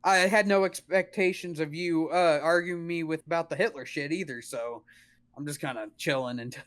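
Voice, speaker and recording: A young man with a fairly high voice chats casually as a podcast co-host. He is informal and slangy, feeling his way through his sentences. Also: normal speed, fairly bright tone. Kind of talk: casual chat.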